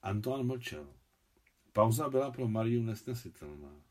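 A man reading a novel aloud as an audiobook narrator, in a measured, steady storytelling manner. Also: mid-range voice. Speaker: audiobook reader, translator.

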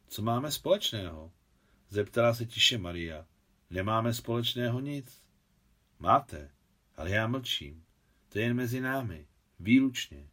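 A man narrating a novel, reading the dialogue lines in a higher voice for the women. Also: fairly bright tone. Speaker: audiobook narrator.

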